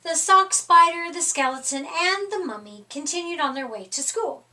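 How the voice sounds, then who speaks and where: High, bright woman reading a children's story. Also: animated, normal speed, far from the mic, slight background noise. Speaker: storytime reader. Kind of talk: expressive children's picture book narration.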